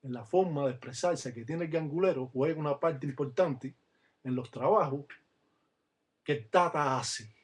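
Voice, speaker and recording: Man, spiritual teacher on a webcam, instructive and direct, scornful at times, voice a bit high. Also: moderate pace. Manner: instructive, addressing viewers directly, sometimes scornful of other teachers. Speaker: Palo religious teacher. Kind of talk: religious teaching to camera.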